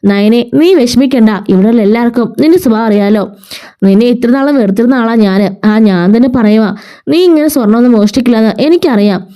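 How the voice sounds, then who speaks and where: A middle-aged mother-in-law speaks slow, soft comfort to her son's wife, as the woman narrator puts her on. The tone is mellow and a little raised. It is a plain storybook telling of a family serial. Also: a little high, close to an everyday voice. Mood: consoling.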